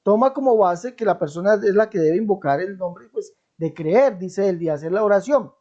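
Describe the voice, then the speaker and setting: This online Bible commentary comes from a man with a high, mellow, animated voice at a moderate pace. He drives points home emphatically, repeating key phrases and regularly addressing his listeners. The recording quality is dull and lo-fi.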